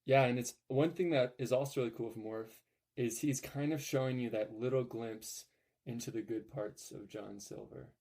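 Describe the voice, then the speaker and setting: Young male podcast host, mellow tone, rambling and upbeat, filler-heavy. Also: medium pitch, fairly even intonation, normal speed, gravelly. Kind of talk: casual podcast chat.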